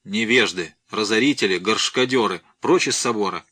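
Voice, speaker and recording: A man's voice: normal speed, sharp tone. A man voicing a fearless gray-mustached old professor who speaks in a powerful, commanding voice. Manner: booming, commanding, scolding.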